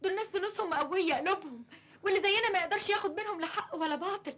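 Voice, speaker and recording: A woman's voice: very high voice, racing, a bit bright. A worried Egyptian mother. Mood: pleading. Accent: Egyptian Arabic. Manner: pleading, worried. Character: worried working-class mother, pleading, devoted.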